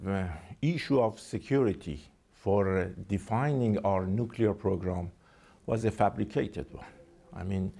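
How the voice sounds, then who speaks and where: A man with a Persian accent, speaking English as a second language, giving formal, halting interview answers as a diplomat. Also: fairly low pitch, vocal fry, warm tone. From Iran. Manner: halting, hesitant phrasing with frequent 'I mean'.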